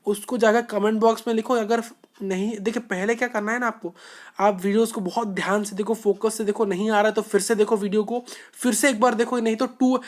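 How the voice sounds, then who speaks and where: A male online tutor giving a motivational study-advice talk to school students. He talks informally and repeats himself, often calling his viewers "bhai sahab", and swings between loud stresses and quiet asides. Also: high voice. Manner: earnest and repetitive, often saying "bhai sahab".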